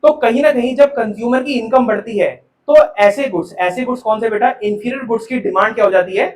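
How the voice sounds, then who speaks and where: Speaking fast in a high, bright voice, a male teacher runs a live commerce class, constantly questioning students and calling them "beta." The recording comes from a distance, leaving heavy classroom echo.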